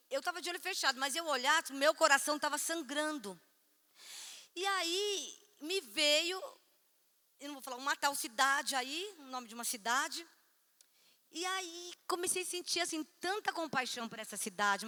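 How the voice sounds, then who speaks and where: A woman pastor with a high, pushed, bright voice preaches a sermon at a church conference in an echoey hall. She's chatty and tells stories, acting out conversations as she goes.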